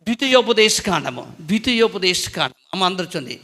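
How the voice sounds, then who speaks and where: A man's voice: very animated, brisk. A male pastor from Telangana preaching a sermon, questioning the congregation and urging them to answer aloud. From Telangana, India. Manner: asks the congregation questions, urges loud responses; rises to high chanting emphasis on scripture lines. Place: village church hall.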